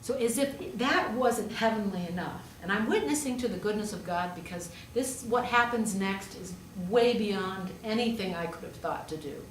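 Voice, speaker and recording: Her mid-range voice is expressive, moving at a moderate pace with hardly any pauses as she preaches. This woman, a pastor who is also a hospital chaplain, tells her sermon as a conversational story with rhetorical questions and emphatic repetition. The pickup is distant and roomy, carrying faint noise.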